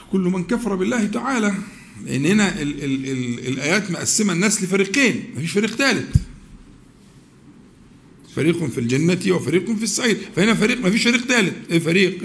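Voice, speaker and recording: Egyptian male religious teacher, slightly high gravelly voice, faint background noise, questions the class and halts to find words. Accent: Egyptian Arabic. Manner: questions the audience, with many drawn-out pauses and restarts. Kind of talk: religious lesson, explaining scripture to students.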